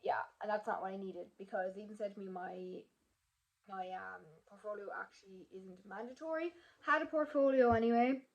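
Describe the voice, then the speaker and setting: A woman's voice: medium pitch, a little fast, dull audio. A young woman, chatting to camera in a vlog, emotional and full of fillers. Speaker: vlogger. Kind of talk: casual chat to camera.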